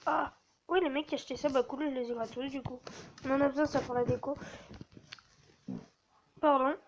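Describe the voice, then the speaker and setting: A woman's voice: high voice, steady tone, moderate pace. A woman casually walking viewers through a game server, hesitant and full of fillers. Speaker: gamer showing a server. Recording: dull lo-fi mic with faint hiss.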